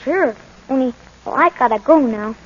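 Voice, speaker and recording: Here the same slangy, streetwise kid from a 1940s radio drama is played by a performer in a high, expressive voice at a moderate pace. He sounds bewildered and plain-spoken. The audio is muffled and noisy, typical of an old 1940s radio recording.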